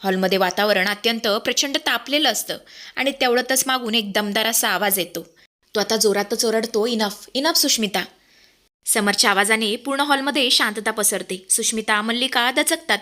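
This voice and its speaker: A woman's voice: on the high side, moderate pace, sharp tone. A woman retelling a family drama episode as a storyteller, in a dramatic, vivid manner. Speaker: storyteller, serial recap.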